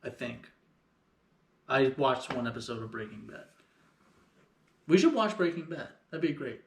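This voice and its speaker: A man's voice: medium pitch, animated, a little slow, recorded from a distance, a little hiss or hum. A young man with a Maryland accent chatting casually with his brother, rambling and laughing, putting on voices. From Maryland, USA. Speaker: podcast co-host. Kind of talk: casual chat between brothers. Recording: echoey room, voice off-mic.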